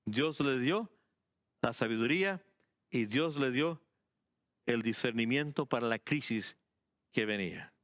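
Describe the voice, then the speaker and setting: A man preaching a sermon as pastor, emphatic, repeating key phrases and moving between slow, deliberate words and quick bursts. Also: medium pitch, lively intonation, fairly bright tone, no echo, clean studio sound.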